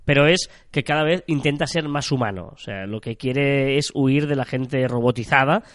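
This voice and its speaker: A man's voice: medium pitch, moderate pace, dry recording, clean studio sound. A man with a nasal, stuffed-up voice from a cold, chatting as co-host of a marketing podcast. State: has a cold.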